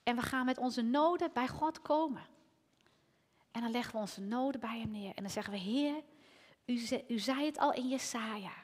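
A woman preaching a sermon in a lively way, rising to near shouts and dropping to whispers. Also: on the high side, moderate pace. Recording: long hall reverb.

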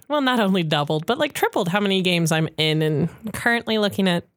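A woman co-hosting a casual podcast, talking in lively quick bursts. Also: lowish voice, dry recording. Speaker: podcast co-host.

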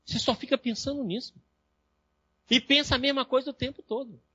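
A lecturer with a Brazilian Portuguese accent teaches a live class in a high, bright, husky voice, speaking fairly quickly. He tells lively stories and acts out his patients' voices. The recording is dry, a little dull, with no echo.

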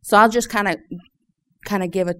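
A woman's voice: mid-range voice, steady tone, a little fast, pushed and bright. A woman from Louisiana giving an informal personal testimony to a group, hesitant and often searching for her words. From Louisiana, United States. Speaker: church member giving testimony.

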